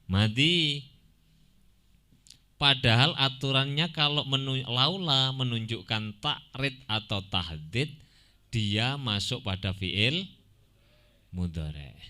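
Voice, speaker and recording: A man teaching an Arabic grammar lesson, explaining slowly, chanting Quranic examples and slipping into asides. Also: medium pitch, pushed and bright. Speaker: religious teacher.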